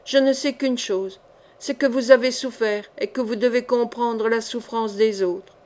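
A woman's voice: fairly high pitch, fairly even intonation, a little slow, a little mellow, close to an everyday voice. A woman reader voicing a young woman who pleads fervently with a king. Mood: pleading.

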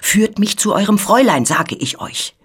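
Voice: mid-range voice, expressive, normal speed, fairly bright tone, slightly rough, pitched above the performer's own voice. A reader voicing a desperate young man who bursts out wildly, in an audiobook reading. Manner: wild, urgent outbursts.

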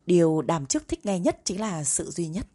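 A woman narrating a romance novel in an even, steady reading voice. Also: fairly low pitch, normal speed, slightly rough. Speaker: audiobook narrator.

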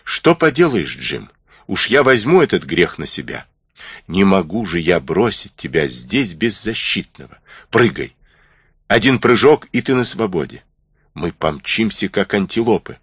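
A man's voice: low-pitched, very animated, unhurried, fairly bright tone, breathy edge, no echo, clean studio sound, exaggerated voice. A man voicing a kindly but stern middle-aged ship's doctor in an audiobook, earnest and reproachful. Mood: urgent.

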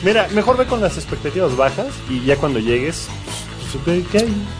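A man's voice: fairly high pitch, very animated, normal speed. A man with a Mexican accent chatting casually as a podcast sidekick. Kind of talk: casual chat. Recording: loud music behind the voice. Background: loud music.

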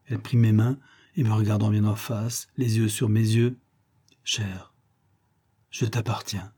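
Audiobook narrator, man, mellow and husky, expressive reading of a classic novel. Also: on the low side, normal speed.

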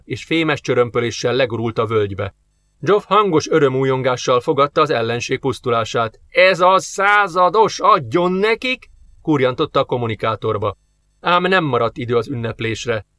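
A man reads an action audiobook in a steady, measured voice at an ordinary middle pitch. The recording is dry and close, with no room sound. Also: no echo. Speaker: audiobook narrator. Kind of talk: scripted narration.

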